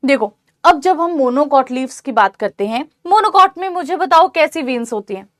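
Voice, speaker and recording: A woman's voice: sits high, expressive, normal speed, fairly bright tone, no echo, clean studio sound. A woman teacher giving an online exam-prep lecture, reassuring her students and checking in often to ask whether they follow. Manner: reassuring, repeats "theek hai" to check understanding.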